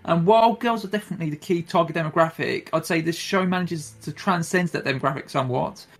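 A man's voice: on the high side, fast talker, soft background music. A young adult man hosting a review show in a casual conversational style. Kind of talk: casual discussion.

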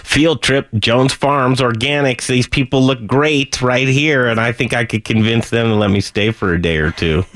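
A man hosting a casual talk radio show, speaking in a loose, halting, informal way. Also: medium pitch, fairly bright tone, no room sound.

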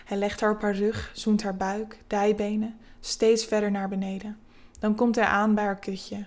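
Soft-spoken woman narrating an erotic story. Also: mid-range voice, flat delivery, normal speed.

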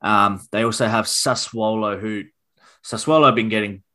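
On a casual football podcast, a co-host with a low-ish voice talks at a moderate pace. He sounds relaxed, thinking aloud with fillers and frequent restarts.

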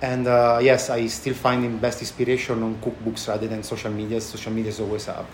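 This man's voice sits on the low side and is completely flat as he answers casual interview questions. He's an Italian chef and restaurant owner whose thick accent and non-native phrasing make him sound halting, and the echoey room carries background noise.

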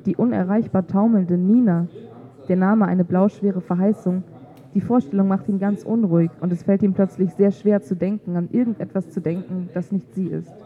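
A woman reading a literary story aloud in a calm, measured way. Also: medium pitch. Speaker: narrator. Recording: tinny phone-like sound.

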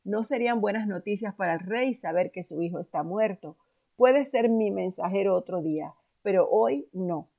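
Stern blunt army commander, woman reading it, gravelly low voice, dark. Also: normal speed. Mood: firm. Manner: blunt, reproachful.

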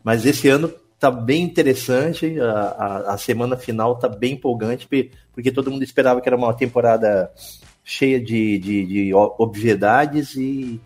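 A man's voice: mid-range voice, moderate pace, a little mellow, breathy edge. A man with a Brazilian Portuguese accent giving casual podcast commentary, often repeating words as he goes. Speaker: podcast guest and film betting writer.

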